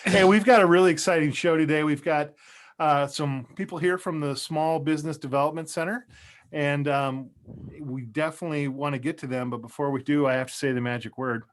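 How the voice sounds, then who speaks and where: A man with a slightly raised pitch hosts a casual podcast. He talks in a folksy, joking way with informal phrasing. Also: fairly even intonation, brisk. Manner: jokey, folksy. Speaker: podcast host. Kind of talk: casual chat.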